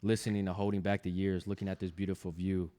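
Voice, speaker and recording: Podcast guy with a real low voice, slow and reflective, laid back. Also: flat delivery, warm tone. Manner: reflective, reads a heartfelt piece. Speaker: podcast co-host. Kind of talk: casual chat.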